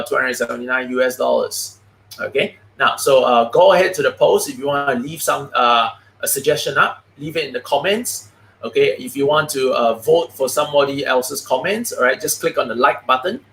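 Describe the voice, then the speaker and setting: A man hosting a live investing stream, chatty and quick, filling his talk with "okay" and "all right". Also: mid-range voice, fairly bright tone. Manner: chatty, many "okay, all right" fillers, fast talking. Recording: roomy echo.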